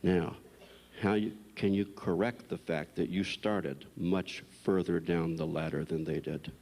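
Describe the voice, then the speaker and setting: Man, gravelly low voice, blunt storytelling lecture, long hall reverb. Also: a little slow. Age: older. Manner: storytelling, blunt and animated with sudden bursts. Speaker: psychologist giving a talk. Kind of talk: motivational lecture to an audience.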